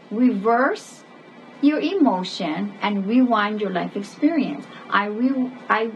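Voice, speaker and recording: A woman's voice: medium pitch, slight background noise, rough recording. A woman teaching a parenting webinar, telling personal stories in an earnest way and acting out the dialogue. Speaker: parenting educator.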